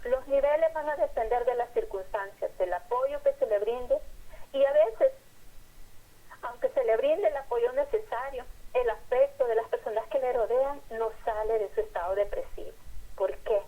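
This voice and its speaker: A woman's voice: fairly high pitch, phone-quality sound. Earnest woman preaching a lecture. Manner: earnest, acts out quoted lines in short phrases. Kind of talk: sermon-style lecture.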